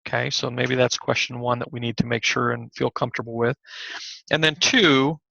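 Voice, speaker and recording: A man teaching a recorded online class, slightly hoarse and scratchy, talking in a conversational way with many fillers and restarts. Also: mid-range voice, fairly even intonation, moderate pace, pushed and bright, no echo, lo-fi sound. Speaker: college instructor.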